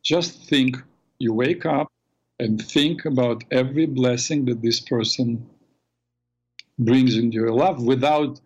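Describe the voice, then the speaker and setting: A man hosting a call-in radio show in a smooth, calm and measured way, heard through a radio broadcast. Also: mid-range voice. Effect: radio broadcast sound. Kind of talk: smooth radio host talk. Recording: dull lo-fi radio sound.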